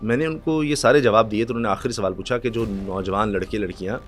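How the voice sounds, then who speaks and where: A middle-aged man from Pakistan, a news anchor telling stories in a podcast chat, acting out quotes and reciting verse slowly. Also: on the low side, soft background music.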